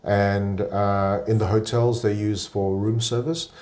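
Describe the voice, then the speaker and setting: A man with a very deep voice talks as a guest on a relaxed interview podcast. He explains at an even pace, often stopping on filler sounds as he goes. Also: a little slow. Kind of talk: casual conversational interview.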